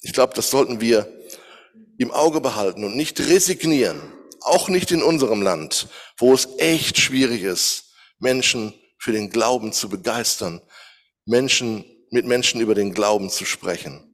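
A man's voice: mid-range voice, lively intonation, a little slow, long reverb tail. A man preaching a sermon, speaking straight to his listeners and asking them searching questions. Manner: addresses listeners directly, posing searching questions.

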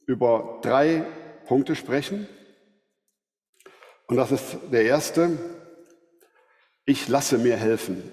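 A man preaching a sermon, earnest and measured, often asking rhetorical questions. His voice is mellow and dark-toned. The sound rings with the long reverb of a large church hall. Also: mid-range voice.

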